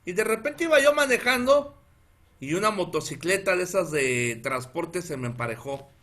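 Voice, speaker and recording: Mexican pastor guy, northern accent, bright forceful voice, animated sermon story, keeps saying hermanos. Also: high-pitched, normal speed. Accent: northern Mexican Spanish. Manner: animated, keeps calling out "hermanos", laughs at his own story.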